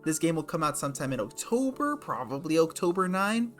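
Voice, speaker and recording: A man's voice: a little high, very animated, a little fast, fairly bright tone, faint music behind. A man casually talking through his gaming predictions, sarcastic and swearing freely. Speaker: gaming video creator.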